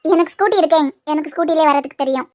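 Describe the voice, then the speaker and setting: A woman's voice: high voice, rapid-fire, dry recording, clean studio sound, pitched below the performer's own voice, natural voice. Woman voicing a sulky sarcastic young wife. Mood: curt. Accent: Kanyakumari Tamil. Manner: curt, sarcastic. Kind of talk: cartoon web series voice acting.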